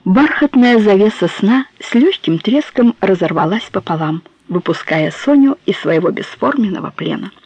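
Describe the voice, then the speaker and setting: A woman narrating a novel aloud in a measured, even reading. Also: mid-range voice, breathy edge, no room sound. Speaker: audiobook narrator. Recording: dull, dry close recording.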